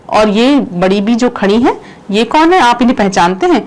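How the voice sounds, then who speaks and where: A woman's voice: on the high side, animated, darkish tone, natural voice, poor audio. A woman reading aloud the part of a brusque male jail warden. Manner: read aloud from a play script.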